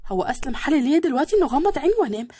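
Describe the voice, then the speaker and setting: A woman's voice: high-pitched, very animated, warm tone. A woman voicing a stubborn, childish young bride with an Egyptian accent, whiny and pouty. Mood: pouty defiant. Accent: Egyptian Arabic. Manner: whiny, pouty, quick retorts.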